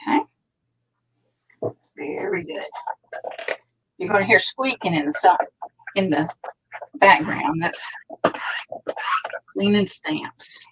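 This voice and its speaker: Chatty husky woman demonstrating crafts. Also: lowish voice, takes it slowly, pauses often, rough recording. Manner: chatty, thinks aloud while working; drops to near whisper while busy with hands. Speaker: stamping demonstrator. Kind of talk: live craft tutorial.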